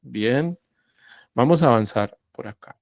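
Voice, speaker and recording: A man teaches an online English lesson at a slow, unhurried pace. He explains patiently and spells out letters one at a time. His voice sounds dry and close, with no room echo. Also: medium pitch, animated, vocal fry.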